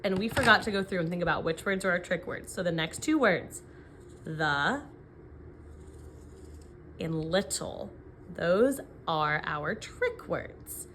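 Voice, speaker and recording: A woman with a slightly low voice teaches phonics by dictating at an unhurried pace. She breaks words into letters and sounds with care, in an instructional way, often checking in with a question. Faint noise sits behind her voice. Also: lively intonation, fairly bright tone. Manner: sounds out letters and syllables deliberately. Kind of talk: dictating sentences slowly, word by word.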